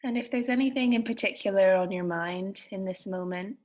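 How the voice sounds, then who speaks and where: A medium-pitched female meditation guide gives soft instructions in short, unhurried phrases, leaving space between them, her delivery soothing and gentle.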